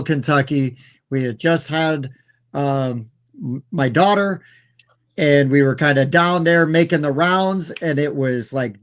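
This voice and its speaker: A man, hosting a podcast, telling a relaxed, rambling story in casual chat. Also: a little high. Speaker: podcast host.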